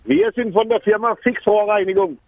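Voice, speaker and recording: A man's voice: sits high, big pitch swings, normal speed, vocal fry, dry recording. A man called on the phone from his work van, giving short, clipped answers and often mishearing the questions. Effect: over a phone line. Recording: muffled lo-fi phone line.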